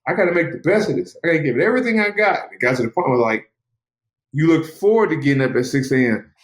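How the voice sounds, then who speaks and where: A man talks fast and earnestly, pushing a motivational message in a casual interview. His voice sits a little high. The room around him rings with echo. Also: lively intonation. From United States. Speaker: guest, mixed martial artist.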